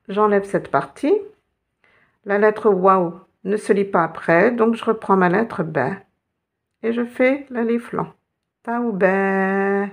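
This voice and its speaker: A woman's voice: mid-range voice, creaky. A woman teaching a lesson, patiently guiding learners step by step and spelling out letters. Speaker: Arabic teacher.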